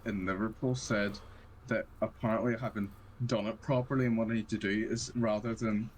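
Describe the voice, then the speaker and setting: A young man from Ireland chats casually, hesitant and full of fillers as his sentences trail off. His voice sits fairly low, with a faint room hum behind him. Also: steady tone, fairly quick, rough recording. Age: young adult. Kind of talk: casual chat.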